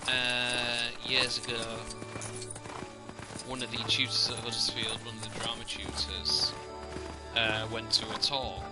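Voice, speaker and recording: A man giving casual, rambling game commentary in a halting, anecdotal way. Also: mid-range voice, completely flat delivery. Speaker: game streamer. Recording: stream with loud game music. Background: loud game music.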